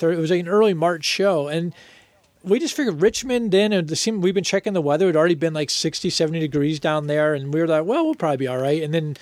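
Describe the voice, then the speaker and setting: Animated storytelling man, higher voice. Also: dry recording. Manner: animated, laughs while telling stories. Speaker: band member telling stories. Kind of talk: casual conversational storytelling.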